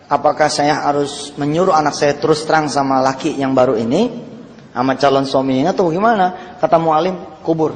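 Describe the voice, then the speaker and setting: Animated preacher with hall reverb. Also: male voice, a little high. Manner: animated, swings between loud emphatic and hushed storytelling. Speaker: Islamic preacher. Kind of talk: sermon with storytelling.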